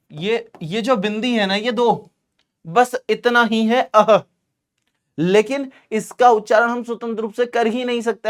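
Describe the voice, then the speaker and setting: A man with a notably high-pitched voice explains grammar in a classroom lecture. He talks emphatically, repeating points and calling out to his students as friends. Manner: emphatic and repetitive, often addressing students as friends. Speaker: Hindi grammar teacher.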